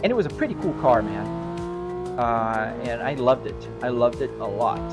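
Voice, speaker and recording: A man's voice: medium pitch, expressive, normal speed. A man from Brazil with a Brazilian accent, chatting casually on a live stream and answering viewers in an easygoing, rambling way. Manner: easygoing, rambling, restarts and hedges. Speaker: sim racing live streamer. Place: home sim racing rig. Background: music playing.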